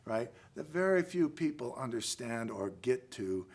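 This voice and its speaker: An American man speaking as a karate instructor in a halting lecture, often pausing to check in with "right?". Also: medium pitch, lively intonation. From United States. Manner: halting, with pauses and frequent "right?" check-ins. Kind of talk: spoken class lecture.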